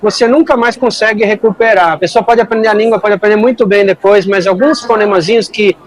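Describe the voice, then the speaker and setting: A man's voice: sits high, steady tone, quick pace. A man who is a neuroscientist guest, explaining emphatically in conversation.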